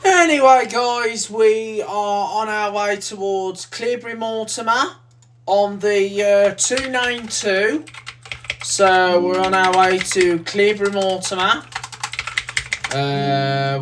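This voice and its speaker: A man's voice: sits high, takes it slowly, a bit bright. A man giving casual commentary while riding a bus, rambling with lots of fillers. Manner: rambling, filler-heavy, enthusiastic. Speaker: bus travel vlogger. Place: on a moving bus. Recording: vehicle engine noise behind.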